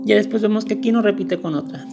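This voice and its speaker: A woman's voice: medium pitch, fast, creaky, music in the background. A woman explaining a lesson step by step, going over each point carefully and repeating the key words. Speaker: teacher. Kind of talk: screen-recorded lesson.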